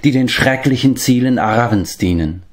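A man voicing a wise, grave old man who watches over the animals, in a measured, stately storybook manner. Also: mid-range voice, expressive, darkish tone, natural voice. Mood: commanding.

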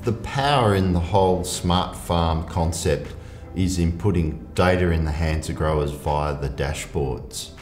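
A man presenting a farm technology video in a clear, informative way. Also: sits low, a little slow, echoey room, over music. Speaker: agricultural technology lead. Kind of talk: scripted promotional narration and interview.

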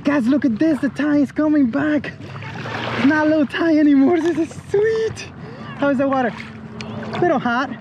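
A man with a very high voice speaks at a normal speed but pauses often, and the audio sounds dull. He's enthusiastically demonstrating a paddleboard kayak in shallow coastal water for a casual review vlog, announcing his speed as he goes. Action cameras on board and on shore pick up his voice amid wind and water noise.

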